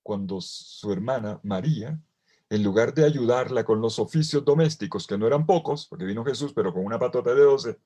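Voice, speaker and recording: A priest gives a sermon for a virtual retreat in a husky, somewhat breathy voice. He sits at a middle pitch and acts out quoted speech with rising, dramatic emphasis. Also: fairly quick, mellow.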